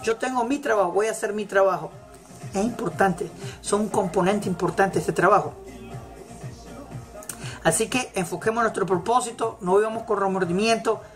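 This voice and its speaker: Over faint celebration music, a woman religious teacher speaks emphatically in a motivational talk, returning again and again to her key phrases. Her mid-range voice moves at a moderate pace, and she pauses often.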